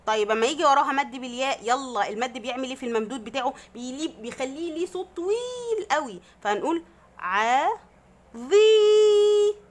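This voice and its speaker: Egyptian woman teaching children, quick and bright. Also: high voice, expressive. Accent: Egyptian Arabic. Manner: explains patiently, asks and answers her own questions; drawn-out vowels when demonstrating long sounds. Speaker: primary school teacher. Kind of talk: children's grammar lesson.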